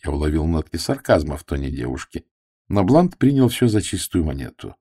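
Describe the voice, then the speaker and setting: A man narrating a story in a scripted, expressive manner. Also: a bass voice, brisk, slightly rough, dry recording, studio quality. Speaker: audiobook narrator.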